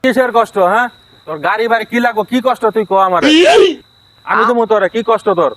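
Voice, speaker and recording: A man's voice: high voice, fairly bright tone, no echo. A man playing a self-important, scolding educated man in a comedy skit, hectoring with questions in a Bangladeshi accent. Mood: impatient. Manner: hectoring, rapid-fire questioning.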